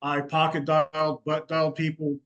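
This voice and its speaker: Relaxed man talking sports, higher voice. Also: a little slow, low-quality recording. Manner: relaxed, hesitant, many fillers. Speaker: co-host. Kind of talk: casual sports talk.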